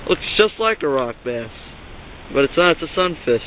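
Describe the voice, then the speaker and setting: A young man from Ohio vlogs his ice fishing trip and shares gear tips in an upbeat, rambling style. His voice is fairly high and sing-song at a normal speed, with a little hiss or hum. It's captured on a handheld camera mic, so the audio sounds lo-fi and phone-like.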